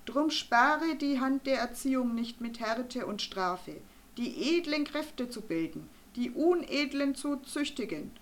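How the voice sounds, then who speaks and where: A woman's voice: a little high, expressive, unhurried. Woman doing a stern pompous doctor. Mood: stern declaiming. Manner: gruff, lecturing, then conspiratorial. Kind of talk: audiobook reading.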